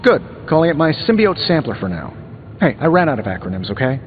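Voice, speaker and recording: Voicing a wisecracking genius inventor superhero in a video game, a man with an American accent sounds glib, sardonic and conversational. His voice is on the high side, very animated and quick. The game audio is muffled, with long reverb and music behind.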